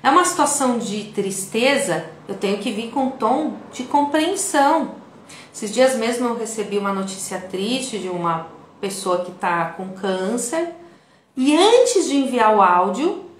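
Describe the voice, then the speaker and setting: A woman with a Brazilian Portuguese accent teaches an online video lesson conversationally, frequently checking in with the viewer. Her animated mid-range voice moves at a moderate pace in an echoey room with slight background noise.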